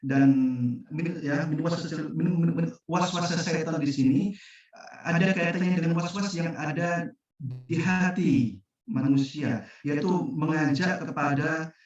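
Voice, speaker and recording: A man teaching in an online Quran study session, his speech halting as he keeps searching for the right term. His voice sits a little high for a man. He sounds far from the mic in a very echoey room, over a muffled video call. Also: fairly even intonation. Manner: halting, often searching for words. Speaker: religious teacher.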